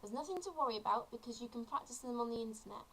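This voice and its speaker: A woman's voice: a little high, very fast, a little hiss or hum, rough recording. A seventeen-year-old woman, chatty and earnest, explaining a topic in a casual tutorial vlog. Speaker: vlogger.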